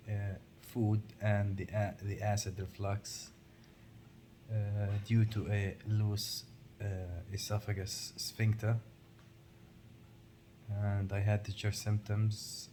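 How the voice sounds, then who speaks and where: Man, Canadian accent, post-op hospital vlog, gasping and gagging, slow flat low delivery. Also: a little hiss or hum. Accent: Canadian English. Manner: halting, with many fillers. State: gagging, gasping and hiccuping after surgery. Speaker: video blogger. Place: hospital room.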